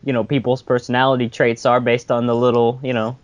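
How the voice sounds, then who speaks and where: A man's voice: mid-range voice, level tone, a little fast, dull audio. A man co-hosting a podcast on a video call, joking and agreeable with dry asides. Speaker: podcast co-host. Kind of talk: casual chat.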